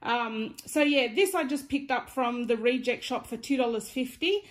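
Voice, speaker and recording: A woman's voice: a little high, lively intonation, moderate pace. An Australian woman giving a casual, chatty craft tutorial, with a slight lisp from wearing retainer-style aligners in her mouth. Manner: informal, chatty demonstrating while handling items. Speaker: DIY craft vlogger.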